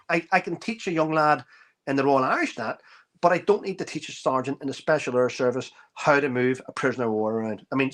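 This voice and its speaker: A middle-aged army veteran telling an anecdote in casual talk, acting out the dialogue, with many restarts. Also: male voice, a little high, a bit bright. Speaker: author and army veteran guest. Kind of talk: casual spoken storytelling.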